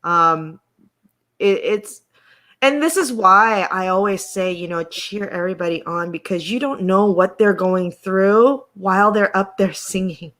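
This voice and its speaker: A woman hosting a relaxed conversation over a video call, at a middle pitch for a woman. She speaks in an encouraging, emphatic way, stressing her points and checking in with her listener. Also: a little slow. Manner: encouraging, emphatic, tags questions with "okay?". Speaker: host. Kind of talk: casual chat.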